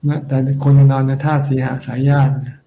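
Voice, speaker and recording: A man, a Buddhist monk, answering Dharma questions in a calm, plain, unhurried way. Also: mid-range voice. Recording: dull lo-fi sound with faint noise.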